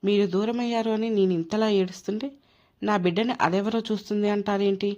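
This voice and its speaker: A woman's voice: mid-range voice, steady tone, a little fast, mellow, natural voice. A woman voicing a hurt, proud young wife. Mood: angry, hurt. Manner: tearful, indignant. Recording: dull lo-fi recording.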